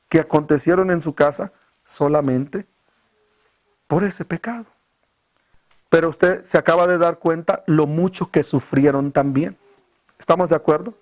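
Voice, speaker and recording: A male pastor preaching a sermon, firing off rhetorical questions at the congregation and dropping his voice low and quiet to stress key words.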